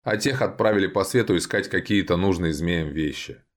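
A man's voice: low voice, fairly quick, natural voice. A man voicing a brash, boastful ancient male vampire who speaks in a raised, cocky voice. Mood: reassuring.

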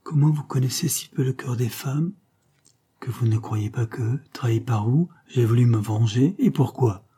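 A man's voice: mid-range voice, moderate pace, warm tone, slightly rough. A man voicing a scheming, cruel Creole woman with a sugary, coaxing delivery in a read-aloud novel.

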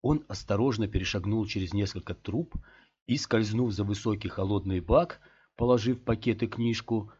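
A man reading an audiobook in a steady, measured way, in a dull lo-fi recording. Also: on the low side. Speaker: audiobook reader. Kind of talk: audiobook narration.

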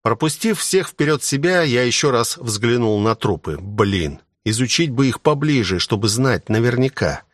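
A man reading a first-person adventure audiobook with steady dramatic storytelling. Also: mid-range voice, moderate pace, few pauses, no room sound, studio quality. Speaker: audiobook narrator.

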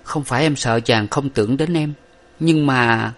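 A man voicing a tearful, devoted young woman in an audiobook of an old novel, pleading and gentle. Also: mid-range voice, a little slow, pitched above the performer's own voice, close to an everyday voice. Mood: tender.

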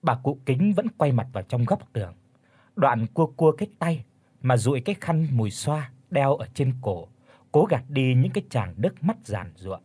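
A man's voice: mid-range voice, big pitch swings, moderate pace, husky, dry recording. A man narrating a dramatic audio story in a mournful tone. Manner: mournful, chanting verse at the start. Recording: soft instrumental music underneath.

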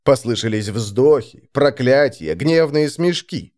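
A man narrating an audiobook in a dramatic, expressive reading. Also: mid-range voice, takes it slowly. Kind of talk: scripted narration.

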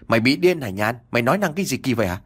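Guy doing a snappy old mom scolding fast, higher voice. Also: sing-song, husky. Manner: sharp, scolding. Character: scolding older village mother.

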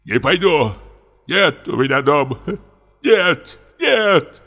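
A man voicing a drunk, frightened old comic actor in his late fifties, speaking in a slow, trembling, self-pitying lament. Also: on the low side, expressive, bright, forceful tone, big-room sound, full character voice. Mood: pleading. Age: older. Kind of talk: audiobook character reading.

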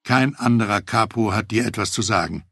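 A man's voice: lowish voice, brisk, vocal fry, a bit bright, husky, no room sound, studio quality, exaggerated voice. A man voicing a firm Mafia capo. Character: male Mafia capo, commanding and protective.

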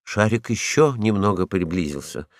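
A man's voice: low voice, animated, moderate pace, no echo, clean studio sound. A man narrating a storybook, reading expressively.

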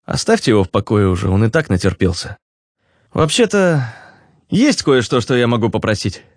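A male narrator voicing a blind young man who is blunt and irritable. He speaks curtly and with exasperation, pitched above the narrator's own low voice. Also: sing-song, moderate pace, no room sound, studio quality, close to an everyday voice. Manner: curt, exasperated.

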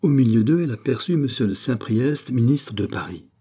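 A man reading a classic novel aloud in a measured, steady narration. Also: medium pitch, breathy edge. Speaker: audiobook reader.

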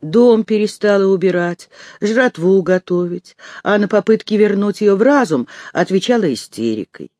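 A man's voice: high voice, expressive, normal speed, darkish tone, no room sound, clean studio sound. Man reading a tense first-person audiobook. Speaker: audiobook reader.

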